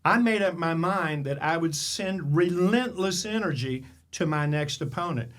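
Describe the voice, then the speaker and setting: A man's voice: fairly high pitch, animated, measured pace, a bit bright. A man hosting a motivational podcast, telling a personal story with emphatic rhetorical questions. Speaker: podcast host.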